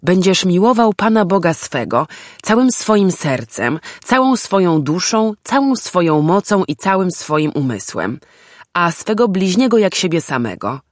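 A woman's voice: fairly low pitch, very animated, measured pace, no echo, studio quality. A woman voicing a man reciting a commandment solemnly in a scripture passage.

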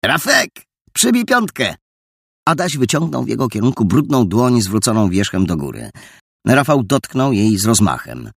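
A man reading a story aloud in an expressive, lively storytelling manner. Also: fairly low pitch, moderate pace, creaky, slightly rough, dry recording, studio quality. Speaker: narrator. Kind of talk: audiobook narration.

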